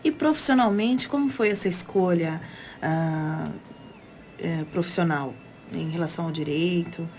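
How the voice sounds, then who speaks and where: A woman's voice: fairly low pitch, a little mellow, a little hiss or hum. Brazilian woman radio host. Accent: Brazilian Portuguese. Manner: announcer-like, reads phone numbers and email slowly. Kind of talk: live radio interview hosting. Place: radio studio.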